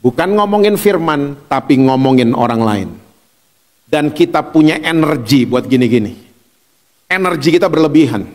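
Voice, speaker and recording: High-voiced preacher in a big hall. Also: male voice, normal speed. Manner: lively, humorous storytelling. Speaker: pastor. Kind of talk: sermon.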